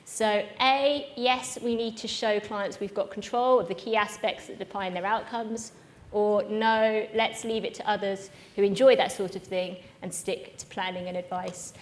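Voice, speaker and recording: A woman's voice: mid-range voice, steady tone, moderate pace. A woman hosting a live conference session, chatty and self-mocking. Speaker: event host. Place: conference room with live audience.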